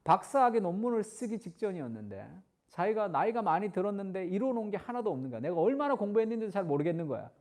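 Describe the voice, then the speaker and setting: A man preaching a sermon as pastor, telling stories and acting out the quoted lines with shifting loudness. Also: sits high.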